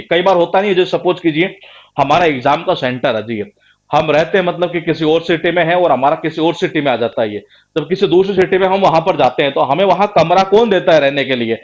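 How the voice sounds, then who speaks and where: A man teaching vocabulary in an online class, who asks rhetorical questions and keeps tagging lines with a filler word. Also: a little high. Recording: dull lo-fi sound.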